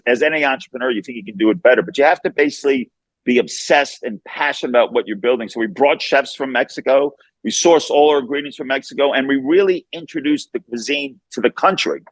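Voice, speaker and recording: A man speaks with a Brooklyn, New York accent in a casual interview. His delivery is brisk and informal, with street-casual phrasing. The sound is dry, with very little room on it. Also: medium pitch, no room sound, poor audio. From Long Island, New York. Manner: informal, peppered with "man" and "you know". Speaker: fast-food founder, interview guest.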